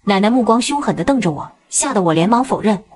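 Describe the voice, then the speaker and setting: A woman narrating a cartoon story in a brisk, dramatic storytelling way. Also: medium pitch, expressive, darkish tone.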